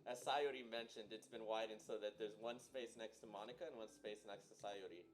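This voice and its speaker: A man's voice: lowish voice, steady tone, brisk. A man narrating a visual novel on a live stream, breaking off for jokey asides. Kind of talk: live game read-along, voice acting. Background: game music.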